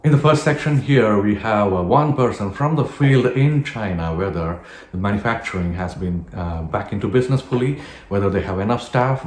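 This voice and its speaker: Low-voiced man, echoey re-recorded sound. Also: darkish tone. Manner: hesitant, with frequent filler sounds. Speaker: host introducing a recorded webinar. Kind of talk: unscripted spoken introduction.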